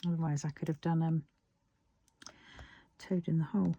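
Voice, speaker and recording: A British woman chatting casually while crafting, musing half to herself in a husky, breathy voice. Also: low voice, little pitch movement, moderate pace, mellow, dull audio.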